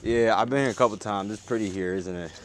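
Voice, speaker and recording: A man with a lowish voice talks casually in loose, sweary slang while exploring. The recording is made out on location, with clear ambient noise and traffic behind him. He sounds like an urban exploration vlogger talking to companions. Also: fast. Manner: slangy, profane. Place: abandoned urban site at night. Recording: clear outdoor ambient noise, passing vehicles.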